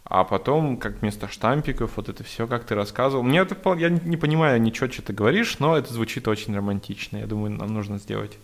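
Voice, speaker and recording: A man in his thirties chatting on a podcast in a jokey, self-mocking way, his sentences often fading off quietly. His pitch sits in an ordinary middle range. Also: lively intonation, fast talker, few pauses. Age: 30s. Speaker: podcast co-host. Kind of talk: casual podcast chat.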